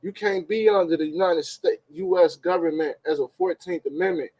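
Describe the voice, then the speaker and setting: A high-voiced man with a gravelly edge, talking to his livestream audience in casual street slang. His pitch swings widely as he hammers points home with rhetorical questions. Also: wildly swooping pitch, normal speed, warm tone, low-quality recording. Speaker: livestream host. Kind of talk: informal legal talk to a live audience.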